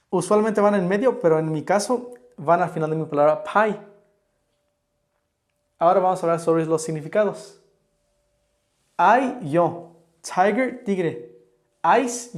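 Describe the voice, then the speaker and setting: High-voiced man teaching English pronunciation. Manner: patient, steady, step-by-step explanations with examples. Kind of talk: explaining an online pronunciation lesson.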